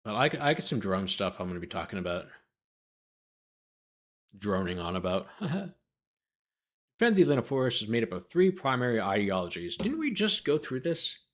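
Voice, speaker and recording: This legal commentary host has a low-leaning voice that swings widely in pitch; he talks at normal speed but pauses often. The lawyer reads a document aloud, pausing for mocking, spontaneous commentary.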